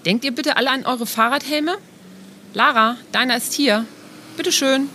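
A woman's voice: high voice, normal speed, pushed and bright. Woman acting a caring mother, faint background noise. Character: caring, gently correcting mother of young children. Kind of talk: children's educational audio play.

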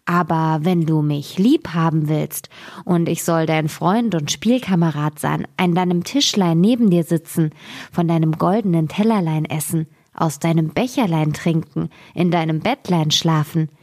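A woman voicing a pleading male frog from a fairy tale, who talks slowly and insistently. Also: deep voice, darkish tone. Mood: coaxing.

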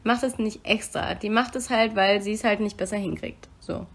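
A woman's voice: mid-range voice, steady tone, moderate pace, a bit bright. A woman co-hosting a podcast, talking casually and reflectively about relationships and acting out little quoted remarks. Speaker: podcast co-host.

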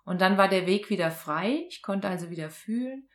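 A woman as an interview guest, telling a personal story in conversation with lively acted-out dialogue. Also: medium pitch, normal speed. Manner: animated, acts out quoted dialogue.

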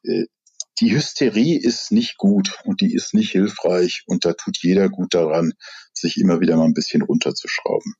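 A man from the Rhineland speaks with a low, mellow voice that carries a husky edge. He sounds measured and candid, like a coach thinking aloud. His audio comes through a dull, lo-fi video-call line. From Rhineland, Germany. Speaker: executive coach. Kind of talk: conversational interview over video call.

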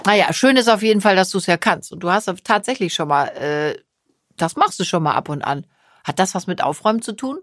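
A woman's voice: fairly low pitch, expressive, brisk, no echo, clean studio sound. A middle-aged woman, a mother, chatting casually with her daughter and teasing her with frequent laughs. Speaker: mother and podcast co-host. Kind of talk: casual family chat.

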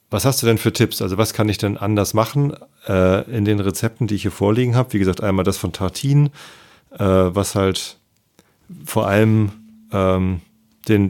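A man's voice: fairly low pitch, darkish tone. A man from northern Germany hosts a podcast interview, asking hesitant questions full of fillers. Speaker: podcast host.

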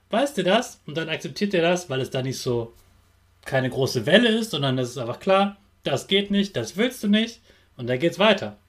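A man who teaches and hosts a podcast for children, speaking straight to the young listener in a lively, encouraging way. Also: a little high. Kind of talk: upbeat talk addressed to children.

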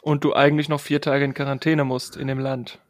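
A young man telling a story in a relaxed, chatty way with youthful slang. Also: medium pitch, a little fast, dry recording, studio quality. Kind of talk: casual storytelling chat.

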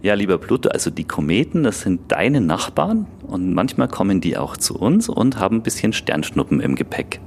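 Male expert for children's radio: very low pitch, animated intonation, simple conversational explanations. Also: moderate pace, hardly any pauses, a little hiss or hum. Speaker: observatory expert guest.

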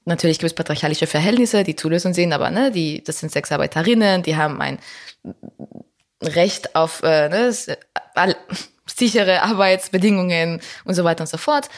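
A woman's voice: fairly low pitch, normal speed. Young woman, candid and reflective. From Spain. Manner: reflective, many fillers and restarts, laughs often. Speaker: guest. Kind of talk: candid personal interview.

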